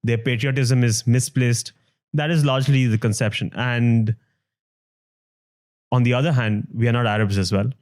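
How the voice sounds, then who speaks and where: A man's voice: medium pitch, steady tone, normal speed, long pauses, darkish tone. A man raised in the Middle East, talking candidly in an interview with a touch of humor. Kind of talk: conversational interview chat.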